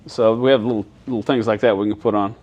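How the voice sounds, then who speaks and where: Speaking quickly in a lowish voice with fairly even intonation, a man working as an air traffic controller walks through his job from inside the control tower. The audio has its highs cut off; his manner is plain and casual, step by step, with regular questions to confirm understanding.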